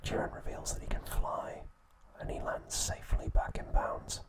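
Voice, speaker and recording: A man hosting an ASMR video narrates a recap in a soft, breathy whisper. His delivery is measured, in short phrases.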